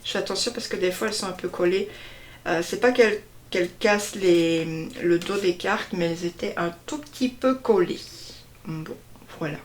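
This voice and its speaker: A woman slowly presenting a deck of cards one by one, hesitating often and stressing each card name. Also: lowish voice, slight background noise. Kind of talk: casual card unboxing walkthrough.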